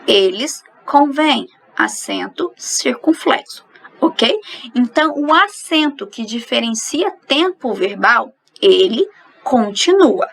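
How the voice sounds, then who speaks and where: Gravelly woman teaching grammar. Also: on the high side, big pitch swings, slow pace, a bit bright, rough recording. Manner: explanatory, asks and answers her own questions. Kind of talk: recorded online grammar lesson.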